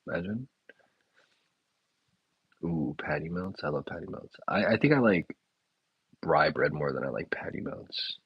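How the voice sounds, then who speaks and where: A man's voice: a bass voice, animated, measured pace, long pauses, slightly rough, no room sound, highs cut off. A man hosting a casual live chat, reading viewer comments aloud and riffing on them in a laid-back way. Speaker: chef and restaurant owner hosting a live chat. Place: indoors, talking to a live chat.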